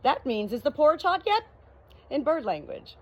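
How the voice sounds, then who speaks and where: A woman voicing a proud, bossy female parrot in a high, insistent, instructive voice for a storybook. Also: very animated, moderate pace, highs cut off.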